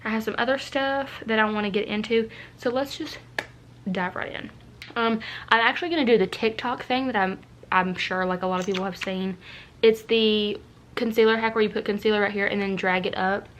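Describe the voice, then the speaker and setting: A woman's voice: mid-range voice, steady tone, fairly quick, a little hiss or hum. A woman, chatting casually and rambling through a makeup tutorial at home, a little congested. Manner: chatty and rambling, many fillers. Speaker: beauty vlogger. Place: home room, indoors.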